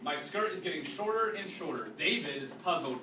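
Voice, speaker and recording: A teacher with an expressive, fairly high voice reads a storybook to his class, breaking off for explanations and questions that test whether the pupils follow. Captured indoors from a distant mic, the classroom sounds roomy with faint background noise.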